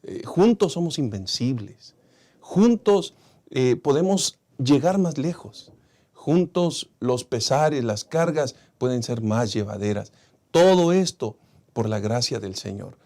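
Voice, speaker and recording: A man's voice: mid-range voice, expressive, slow pace. A man with a Mexican Spanish accent, hosting a church lesson program and giving an encouraging pastoral closing. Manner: warm pastoral wrap-up, encouraging. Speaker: program host.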